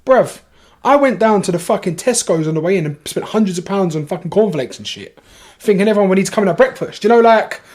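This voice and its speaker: Animated, sweary London man telling a story. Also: high-pitched. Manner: animated, swears freely, lots of rushed restarts. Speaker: podcast guest. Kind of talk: casual storytelling.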